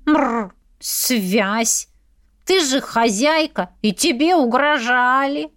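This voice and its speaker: A woman's voice: sits high, slow, fairly bright tone, dry recording, clean studio sound. A woman voicing a proud, devoted pet cat familiar who meows and purrs between words. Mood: reproachful. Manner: meowing, purring between words.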